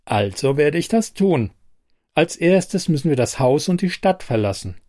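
A man voicing a cool female android bodyguard in an audiobook, speaking calmly and firmly. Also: on the high side, a little slow, no echo, studio quality, pitched above the performer's own voice. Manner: calm, firm, matter-of-fact.

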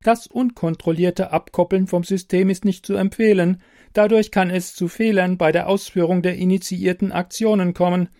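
A man's voice: high voice, fairly even intonation, moderate pace, dark tone, no room sound, studio quality, voice pushed up. A man voicing a polite, mechanical beauty computer that speaks in formal, stiff phrases in an audiobook reading. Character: bumbling female-addressing beauty computer, polite, robotic.

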